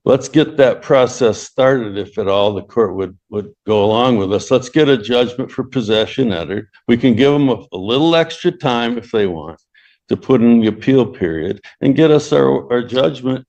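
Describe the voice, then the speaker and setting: Measured male attorney in court. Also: mid-range voice, darkish tone, dull audio. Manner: measured, with frequent restarts. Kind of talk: courtroom argument.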